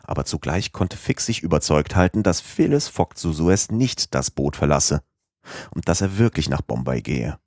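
A man narrating an audiobook in a steady, measured storytelling manner. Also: very deep voice, dry recording, clean studio sound.

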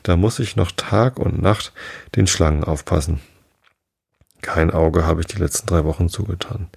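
A man with a low, husky voice voicing an anxious, scornful female pigeon in a storybook reading, with accusing, complaining talk. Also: moderate pace, darkish tone, exaggerated voice. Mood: aggrieved. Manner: shrill accusing, sobbing complaints.

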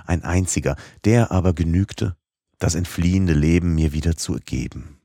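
Guy reading an audiobook, really deep husky voice, dry close sound. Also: normal speed, warm tone, no room sound. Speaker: audiobook narrator. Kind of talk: scripted audiobook narration.

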